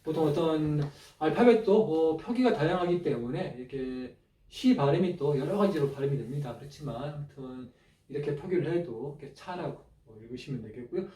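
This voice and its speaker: A man teaching a script lesson, explaining each stroke step by step in a halting way with many fillers. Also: fairly high pitch, expressive, warm tone. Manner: halting, many fillers, pointing through steps. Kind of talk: spoken lecture explaining script on a board. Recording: distant mic, echoey room.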